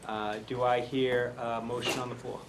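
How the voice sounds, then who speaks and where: A man's voice: medium pitch, level tone, moderate pace. A man leads a committee meeting in a municipal room, taking the roll and moving through procedure. He speaks with frequent hesitations and fillers, easing the formality with small jokes. A light hiss of background noise sits under the voice. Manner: hesitant, many fillers, joking asides. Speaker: committee clerk chairing the meeting.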